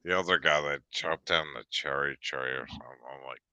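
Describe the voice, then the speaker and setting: In a dry, close recording with no room sound, a man in his fifties chats casually and slowly, stumbling through fillers and restarts with occasional outbursts. His voice is deep, yet bright and crisp.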